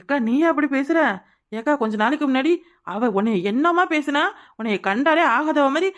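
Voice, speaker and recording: A woman's voice: sits high, fairly bright tone. A woman voicing a suspicious gossiping village woman. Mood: nagging. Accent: southern Tamil Nadu. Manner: quick, nagging, suspicious. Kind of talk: cartoon voice acting.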